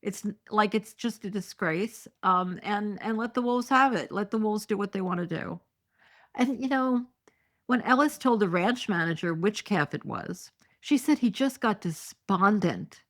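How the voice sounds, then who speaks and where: In an unhurried, mid-range voice with a fairly bright tone, a middle-aged solo podcast host reads news articles and adds indignant, sarcastic commentary. Fillers crop up often, and she's losing her voice.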